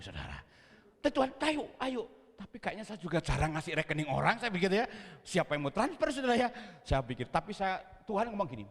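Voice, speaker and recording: A man's voice: fairly high pitch, fairly bright tone. A man with a Javanese accent preaching a sermon as pastor, telling a story and acting out scenes with sound words. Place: church hall. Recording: long reverb of a church hall.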